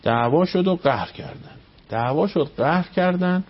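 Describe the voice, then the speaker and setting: Impassioned cleric, dull radio sound. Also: male voice, animated, slight background noise. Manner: impassioned, rising up high on questions, then dropping to near-whispers. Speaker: cleric giving a religious lecture on the radio. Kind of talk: storytelling religious lecture with rhetorical questions.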